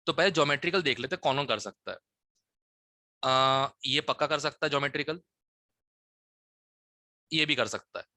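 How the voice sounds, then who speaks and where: A man's voice: on the high side, sharp tone, no room sound, clean studio sound. A man teaching a chemistry class, explaining test questions and often checking that students follow. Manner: Hinglish teaching, frequent "ठीक है?" checks.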